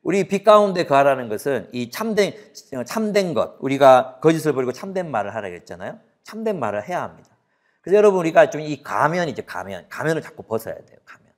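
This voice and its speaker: A male pastor in his forties delivers a sermon to students. His voice sits fairly high for a man and swings widely in pitch. He keeps throwing questions at the room and briefly acts out bickering scenes. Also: quick pace. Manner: animated, asks the audience questions, acts out quarrels.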